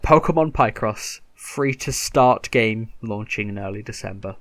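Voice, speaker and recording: A man's voice: on the low side, unhurried, fairly bright tone, no room sound. Guy hosting a gaming podcast, rambly and upbeat, dry close sound. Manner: rambling, self-correcting, upbeat news rundown. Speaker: podcast host. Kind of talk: casual gaming podcast chat.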